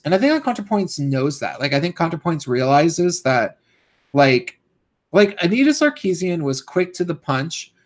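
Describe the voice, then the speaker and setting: A young man with a hoarse, fairly high-pitched voice rants casually on a live stream, rambling with lots of fillers and restarts.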